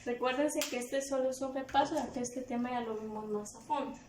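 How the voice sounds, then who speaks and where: A woman's voice: high-pitched, brisk, darkish tone, far from the mic. Patient woman teacher in an echoey room. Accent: Guatemalan Spanish. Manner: patient, explains step by step to pupils. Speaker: primary school teacher. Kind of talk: recorded remote review lesson for children. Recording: echoey room, faint background noise.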